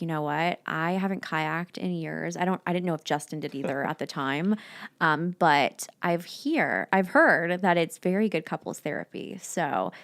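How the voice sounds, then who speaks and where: A young woman chats as a podcast guest, easygoing and playful as she tells stories. Her voice sits slightly low and sounds smooth. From South Florida. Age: 20s. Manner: laid-back, storytelling, playful. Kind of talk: casual podcast chat.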